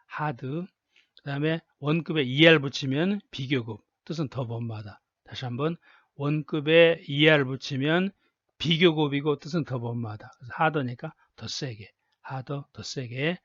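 A man's voice: medium pitch, dry recording, highs cut off. A male English teacher narrating a lesson video, patiently repeating each word and example several times. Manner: patient, drills words by repeating them. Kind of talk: slow repetitive lesson narration.

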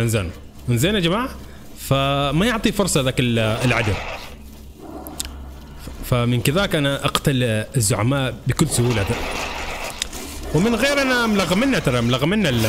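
A man with a Gulf Arabic accent giving excitable gameplay commentary to his viewers, yelping when in danger. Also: medium pitch. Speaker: gaming channel host.

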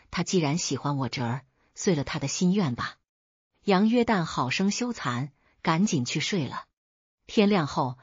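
A woman narrating a folk tale in a measured storytelling read, voicing the characters' lines herself. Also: fairly low pitch, darkish tone, husky, dry recording. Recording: dull lo-fi dry recording.

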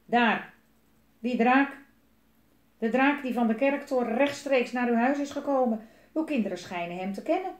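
A woman voicing a cowardly male mayor with a squeaky, nervous, blustering voice, in a roomy space. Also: normal speed, pauses often, lightly acted. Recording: roomy echo.

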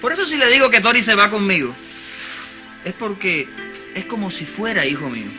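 A man's voice: sits high, lively intonation, fairly quick, sharp tone, soft background music, full character voice. An actor with a Cuban accent playing a stubborn, emotional stepfather who pleads and stammers. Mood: heartfelt. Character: stubborn, wounded, devoted stepfather. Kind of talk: telenovela acting.

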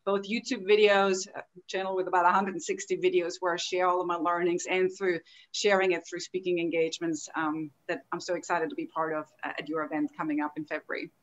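Woman, lower voice. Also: flat delivery, fairly quick, lo-fi sound. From Austria. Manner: earnest, open storytelling. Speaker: guest, health coaching founder. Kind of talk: podcast interview over video call. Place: home room at a desk. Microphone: laptop video call.

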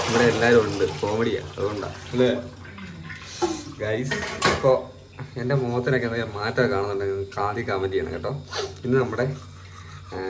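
A man's voice: lowish voice, slight background noise. A man who is a family vlogger, chatting casually to camera and speaking directly to his viewers from a family home. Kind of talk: casual vlog chat to camera.

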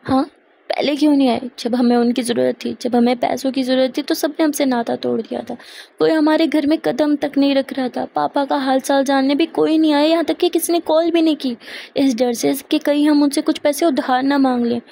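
Hot-tempered shy young woman, voiced by a woman storyteller; dark, fry-edged voice. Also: sits high, fairly even intonation, moderate pace. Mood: angry. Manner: indignant, bristling.

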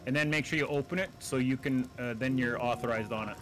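A man in casual voice chat during a team game, halting with many "uh"s as he directs his teammates. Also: medium pitch, music in the background. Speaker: gamer on voice chat.

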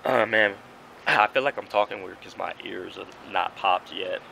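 Young male vlogger, loose slangy delivery, lowish voice, filmed at arm's length over street noise. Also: moderate pace, gravelly, bright, forceful tone, rough recording. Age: young adult. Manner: loose slangy talk with frequent laughs. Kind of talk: casual road-trip vlog. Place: car, gas station and city streets outdoors. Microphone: handheld camera at arm's length. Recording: street and car noise behind.

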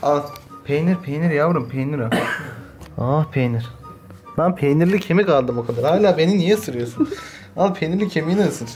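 A man's voice: on the high side, animated, moderate pace, a little mellow, soft background music. A man casually chatting in a home vlog, playful and laughing as he teases and scolds a biting puppy. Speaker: vlogger playing with his new puppy. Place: at home indoors.

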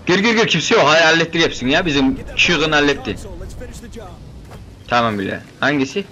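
Excitable young man joking through a shooter. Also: fairly high pitch, a little fast. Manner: joking, excitable, chatting with game characters; keeps saying "brother" as a filler. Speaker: gaming video host. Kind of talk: playthrough commentary.

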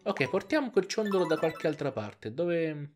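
A man's voice: on the high side, very animated, moderate pace. A man hosting a let's play, casually commenting and joking while reading the game text aloud. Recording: game music playing behind. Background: video game music.

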